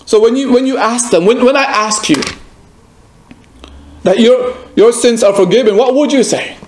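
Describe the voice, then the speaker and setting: A man's voice: extremely high pitch, normal speed. A male pastor preaching emphatically, repeating phrases and asking the listener direct questions. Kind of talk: sermon. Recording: echoey room.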